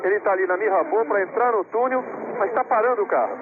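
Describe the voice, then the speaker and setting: Fast Brazilian male motorsport commentator, heavy noise. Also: sits high, lively intonation. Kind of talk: live race analysis commentary. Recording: tinny broadcast line, loud engine noise.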